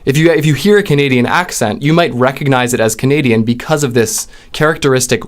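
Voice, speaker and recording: Male lesson host, mid-pitched, patient delivery that stretches out the example vowels. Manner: deliberate, drawing out example words and vowel sounds. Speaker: linguistics video host. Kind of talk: explanatory lesson.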